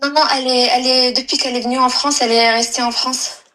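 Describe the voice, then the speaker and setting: A woman in her twenties from Algeria, calling in to tell a personal story, halting and full of fillers and restarts. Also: high voice, little pitch movement, pushed and bright, slight background noise, poor audio. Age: 20s. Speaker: caller. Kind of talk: personal confession on a live call.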